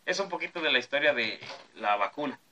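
A man's voice: medium pitch, animated, fast, pushed and bright, lo-fi sound. A man, hosting a podcast and reading history notes between jokes with his friends. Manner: reads steadily, breaks into laughs at jokes. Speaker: podcast host.

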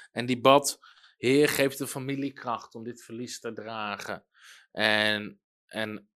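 A man preaching a sermon, emphatic and storytelling, acting out the people he quotes. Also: medium pitch.

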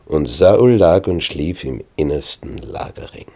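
A man retelling a Bible story with vivid asides, moving between hushed and loud narration. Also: a bass voice, expressive, measured pace.

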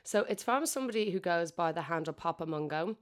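A woman's voice: fairly low pitch, lively intonation, fast. A woman co-hosting a true crime podcast, chatting playfully and reading listener messages aloud. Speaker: podcast co-host. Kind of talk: casual chat.

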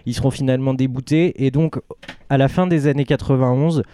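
A man's voice: medium pitch, fairly even intonation, fairly quick, warm tone, smooth. A man co-hosting a casual football history podcast, explaining with frequent hesitations. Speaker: podcast co-host.

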